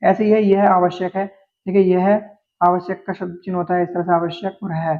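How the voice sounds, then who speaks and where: A man with a high-pitched voice teaches shorthand, talking through each outline patiently and repeating words as he goes. He keeps coming back to small filler checks. The sound is thin and phone-like. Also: level tone. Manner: patient, repeats words slowly, many "theek hai" fillers. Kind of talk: explaining Hindi shorthand outlines step by step. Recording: tinny, phone-like narrow sound.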